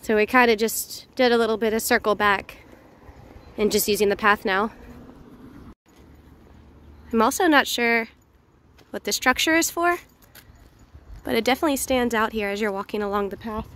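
A woman vlogging casually while walking outdoors through an old town, chatty and slightly hoarse, with lots of fillers. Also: fairly high pitch, normal speed, long pauses, a bit bright. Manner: chatty, laughs often, hesitant fillers. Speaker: travel vlogger.

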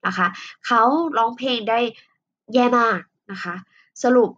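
Teacher reading English slowly. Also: female voice, fairly high pitch, fairly bright tone. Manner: explains in Thai, reads English examples slowly and carefully. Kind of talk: recorded online lesson. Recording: dull lo-fi recording with faint noise.

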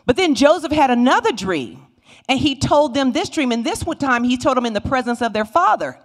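A middle-aged woman teaches a Sunday school lesson in a church sanctuary, speaking into a handheld microphone. Her voice sits high and climbs and falls widely. She tells the stories in an animated way, slipping into voices for the people in them. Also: a little fast. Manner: animated storytelling, voices the Bible figures.

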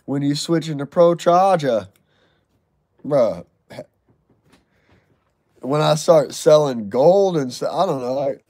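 Speaking slowly with frequent pauses, a man with a high-side, dark-toned but animated voice hosts a garage live stream. He answers chat messages with loose, profane jokes, and the recording is dry.

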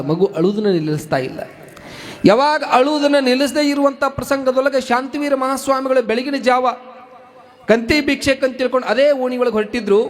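A man with a North Karnataka Kannada accent preaching a devotional sermon as a story, repeating phrases and putting rhetorical questions to the audience. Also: very high voice. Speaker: religious preacher.

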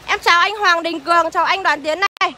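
A young woman livestreaming from a used car lot, briskly reading out car prices and greeting viewers by name, recorded on a phone as she walks. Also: very high-pitched, sharp tone, a little hiss or hum. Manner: brisk sales patter, reels off prices and addresses viewers as "anh".

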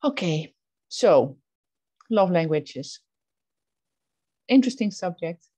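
A woman co-hosts a casual podcast chat and mostly chimes in with short, agreeing replies. She talks slowly and takes her time. Her pitch swings widely up and down, even on single words. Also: husky. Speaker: co-host.

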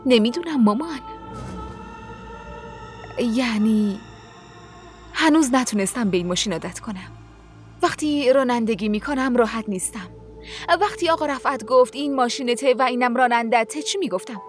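Brief: actress voicing a high-pitched, reproachful young wife, soft music under the dialogue. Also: female voice, expressive, pauses often, lightly acted. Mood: defensive. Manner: reproachful, pleading. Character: young wife, frustrated with selfish husband. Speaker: dubbing actor. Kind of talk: dubbed TV drama dialogue.

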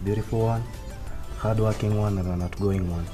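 A quiet Kenyan man in his twenties, answering slowly as a dating show contestant. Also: on the low side, fairly even intonation, faint music behind. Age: 20s. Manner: quiet, measured.

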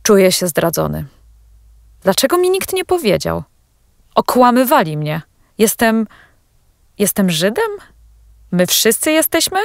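A woman narrating a children's audiobook in the first person, emotive and shifting into sharp, rising questions. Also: mid-range voice, very animated, normal speed, gravelly, dry recording, studio quality. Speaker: audiobook reader.

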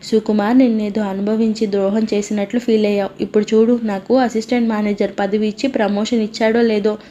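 A calculating husband who soothes and brushes aside, voiced by a woman reading a storybook, in a flat, mellow tone. The recording is dull and lo-fi, with faint hiss. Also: mid-range voice, brisk, lightly acted. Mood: dismissive. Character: calculating husband feigning broad-mindedness.

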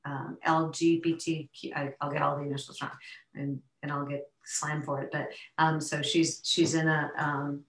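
A woman with a low voice chairs a town board meeting, halting and filling pauses as she goes. Her voice sits in a roomy, echoing space, as heard on a remote video call. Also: little pitch movement. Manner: halting, with many fillers and restarts. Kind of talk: public meeting discussion.

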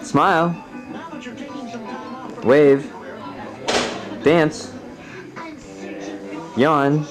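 A man's voice: fairly high pitch, fairly even intonation, drawn-out words, long pauses. A man filming a family holiday gathering on an old VHS camcorder, teasing and coaxing people to smile and talk for the camera. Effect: old VHS home video tape sound. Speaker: home video camera operator. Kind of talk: casual family chat while filming. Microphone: camcorder's built-in mic. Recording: old VHS tape, music and crowd behind.

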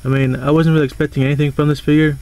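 A man's voice: fairly high pitch, little pitch movement, rapid-fire, a little mellow, poor audio. A man doing a casual toy review, rambling loosely, tripping over words and swearing offhand.

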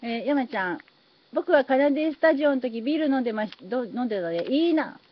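High-voiced woman chatting on a live stream. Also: animated, fast. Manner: chatty, reads and thanks viewer comments. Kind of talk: casual live-stream chat while building. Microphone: phone. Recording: slightly dull phone stream audio, faint noise.

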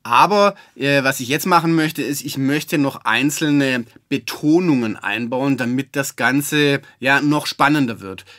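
A man giving a relaxed, chatty music-software tutorial, with fillers and self-corrections. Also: medium pitch, no room sound, clean studio sound. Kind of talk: screen-recorded software tutorial.

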